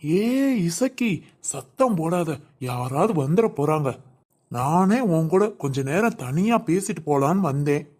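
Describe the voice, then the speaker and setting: A voice actor playing a prankster pretending to be a husband's ghost in a cartoon, slow and wheedling. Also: medium pitch, expressive, a little mellow.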